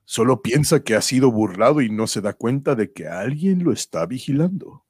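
A man's voice: medium pitch, animated, moderate pace, darkish tone, breathy edge, dry recording, studio quality. A man delivering dramatic scripted narration for a radio serial.

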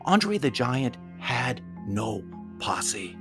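A man voicing a secretive male crow who spouts conspiracy theories in a hushed, confiding voice. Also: medium pitch, very animated, extremely slow, faint music behind, voice pushed up, exaggerated voice.

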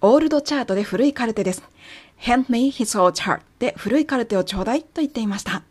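Woman, native Japanese, English teacher, clear patient explainer, dry close mic. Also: on the high side, animated, fast talker, no room sound. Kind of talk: language lesson narration.

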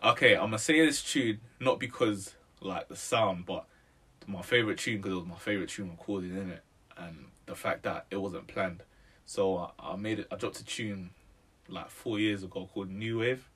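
London roadman, low slightly husky voice. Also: normal speed, bright, forceful tone. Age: 20s. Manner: street slang, tags sentences with "innit" and "bro". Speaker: musician, interview guest. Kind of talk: casual interview chat.

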